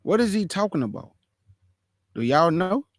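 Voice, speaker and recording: A man's voice: high-pitched, big pitch swings, normal speed. A man delivers heated commentary in a slightly raised voice, hammering each point over and over. He speaks straight to his listeners and calls them family. The sound is close and dry, with no room echo. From Houston, Texas, USA. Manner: emphatic, repetitive, addresses listeners as family. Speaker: commentator reacting to a sermon clip. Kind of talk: impassioned reaction commentary.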